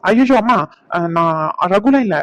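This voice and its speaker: Guy doing a bossy young dude for a cartoon, fast, highish voice, kinda muffled audio. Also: no echo, natural voice. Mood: polite. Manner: brisk, bossy, mixes in English words. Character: young man, a hospital worker, brash and bossy with friends. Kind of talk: cartoon voice acting.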